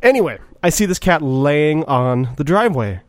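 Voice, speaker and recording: A man co-hosting a podcast, telling stories in a relaxed, joking way with lots of hesitations. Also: fairly high pitch, normal speed, no echo. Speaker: podcast co-host. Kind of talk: casual storytelling chat.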